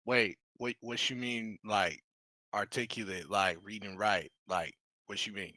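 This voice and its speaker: A man's voice: on the low side, steady tone, a little slow, bright, forceful tone, no echo. A man voicing a brash young male goblin sorcerer who talks in swaggering, profane street slang during a tabletop game. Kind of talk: tabletop role-play in character.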